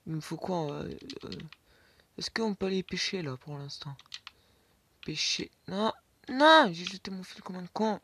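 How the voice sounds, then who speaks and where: A man's voice: high voice, moderate pace, a bit bright, husky. A man narrating his Minecraft game, talking to himself, swearing and sometimes dropping to a whisper. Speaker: gaming YouTuber. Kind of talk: Minecraft let's play commentary. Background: keyboard and mouse clicks.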